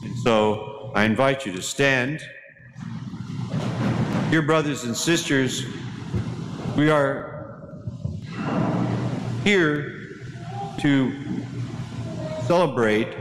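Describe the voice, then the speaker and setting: A middle-aged priest leads worship in a measured, solemn cadence, his voice ringing through a large, reverberant church. There is a steady layer of background noise under the recording. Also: mid-range voice. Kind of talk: leading a church service. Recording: echoey church hall with noise.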